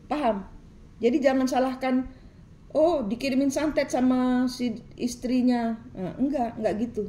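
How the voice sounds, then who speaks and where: A woman's voice: on the high side, dark tone. A woman tarot reader, giving a preachy, scolding reading full of repetition.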